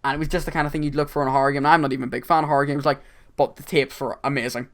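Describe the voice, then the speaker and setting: A man's voice: on the high side, level tone, rapid-fire, a bit bright. A man hosting a casual gaming podcast, talking energetically with a sore voice and stumbling over repeated words. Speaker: podcast host.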